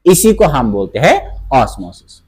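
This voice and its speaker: A male teacher explaining a biology lesson, asking himself questions and answering them, repeating key terms and slowing down to dictate definitions. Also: medium pitch, very animated, darkish tone, husky, low-quality recording.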